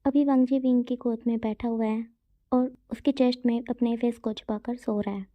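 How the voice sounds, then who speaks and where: Woman retelling a story, conversational, high voice, phone-like sound. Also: no room sound. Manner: plain, conversational, corrects herself mid-sentence. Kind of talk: retelling fan fiction. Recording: tinny phone-like dry sound.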